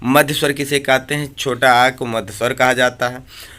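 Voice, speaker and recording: This exam-prep grammar lesson is taught by a man whose mid-range voice has a sharp tone, fairly even intonation, and a moderate pace. He drills by asking and answering his own questions over and over, elongating vowels for demonstration.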